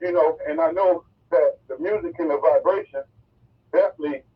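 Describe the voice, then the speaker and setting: A man calling in to a radio show, talking earnestly in quick bursts. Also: a little high, breathy edge, distant mic. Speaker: radio caller. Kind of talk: casual call-in chat. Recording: tinny phone line.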